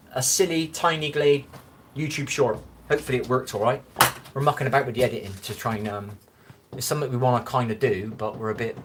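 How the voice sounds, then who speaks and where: A man's voice: medium pitch, background noise. Man, Bristolian West Country accent, mid voice, rambling and chatty live-streamer on a phone. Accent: Bristolian West Country English. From Bristol, England. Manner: rambling, chatty, easily amused. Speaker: livestreamer. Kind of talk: casual live-stream chat reading comments. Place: his own room, lights low.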